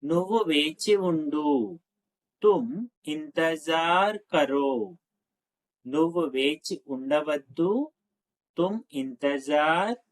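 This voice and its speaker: A Telugu-speaking man teaching spoken Hindi, saying each phrase slowly and adding quick asides between the drills. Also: a little high, low-quality recording. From Telugu-speaking India. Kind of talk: spoken language lesson, slow drill phrases.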